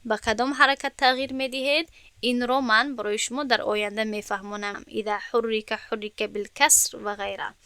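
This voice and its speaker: A woman with a Tajik-influenced Persian accent teaches an Arabic grammar lesson and works through each example step by step. Her voice is bright and crisp and sits a little high. She often stops to ask her students whether they have understood. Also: flat delivery, no room sound. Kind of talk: classroom lesson explanation.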